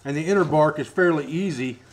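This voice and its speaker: A man's voice: on the high side, fairly quick. A middle-aged man, a bushcraft instructor, explaining in plain, practical words while he works with his hands, recorded by a camera a few feet away. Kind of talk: outdoor skills demonstration. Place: outdoors by woods, then an open-sided metal shed.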